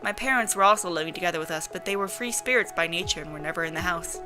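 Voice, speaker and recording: A woman's voice: lowish voice, fast. A woman reading first-person visual novel narration as an amateur voice-over. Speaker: narrator and reader. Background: music.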